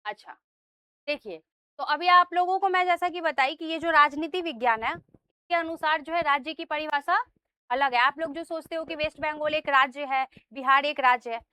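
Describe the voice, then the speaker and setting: Her voice sits high with a sharp tone and a moderate pace. This woman teacher walks the class through a lecture step by step, checking in often and asking students questions that she answers herself.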